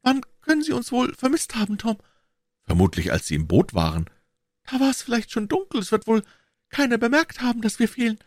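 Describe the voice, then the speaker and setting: A man's voice: very high voice, very animated, a little fast, no room sound, clean studio sound, voice pushed up. A man voicing a frightened young girl lost in a cave, pleading and tearful. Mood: anxious.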